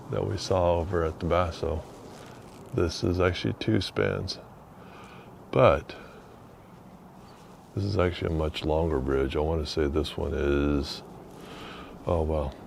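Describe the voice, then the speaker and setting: A man vlogging as he walks outdoors beside a river under an old bridge, musing quietly and thinking aloud with fillers. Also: low-pitched, vocal fry, slight background noise. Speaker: vlogger exploring historic sites. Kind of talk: casual walking narration.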